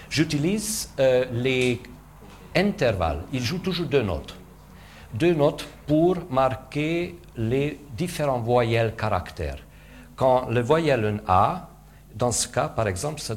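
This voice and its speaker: A man coaching string players in rehearsal, halting with fillers, switching between English and French and vocalizing sounds to demonstrate. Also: medium pitch, a little hiss or hum. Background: string instruments playing.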